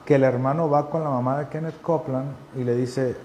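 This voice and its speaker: An earnest male preacher teaches a sermon. His voice sits at a middle pitch and his delivery stays conversational while he leans on repeated phrases. A faint hum of noise sits behind him. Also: fairly even intonation, a little fast, a little mellow.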